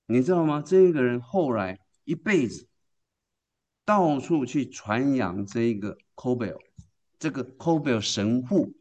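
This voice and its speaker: A man's voice: medium pitch, expressive, slow, a little mellow. A man preaching a sermon. He tells the story emphatically and keeps asking the congregation questions, then answering them himself.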